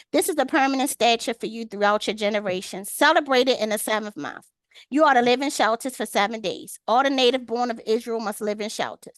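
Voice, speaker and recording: A woman with a high, light voice teaches a Bible study over a video call. She reads the verses steadily and then speaks directly to the women in the group, calling on them by name. The sound is dry, with no room echo. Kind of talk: online Bible study lesson.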